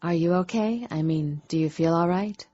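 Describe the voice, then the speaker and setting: A woman voicing an affectionate, teasing woman in an audiobook, speaking softly. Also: on the low side, moderate pace, no echo, lo-fi sound, natural voice. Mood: concerned. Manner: soft and teasing. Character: woman, playful and affectionate lover.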